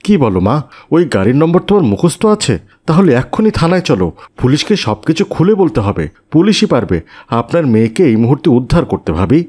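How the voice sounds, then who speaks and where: A man's voice: on the high side, quick pace. A man voicing a caring, earnest father and neighbor in a cartoon. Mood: concerned. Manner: earnest, calming. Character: caring middle-aged father and neighbor, calm.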